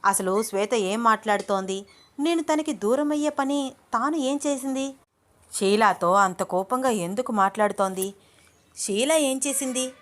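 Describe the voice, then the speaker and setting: A woman's voice: a little high, a little slow, natural voice. A woman voicing an earnest, puzzled young man in love, in her own voice.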